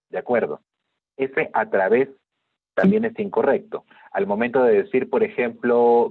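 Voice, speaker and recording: A man's voice: mid-range voice, gravelly, no room sound. A man teaching an online class, explaining patiently and often checking in with his students. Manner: explanatory, checks in with frequent "¿de acuerdo?". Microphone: video call. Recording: tinny phone-like video call audio.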